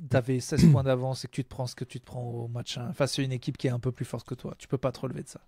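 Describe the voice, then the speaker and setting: A man co-hosting a casual basketball podcast, animated and joking, laughing often. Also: mid-range voice, fast talker, husky, dry recording, studio quality. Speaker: podcast co-host. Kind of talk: casual chat about basketball.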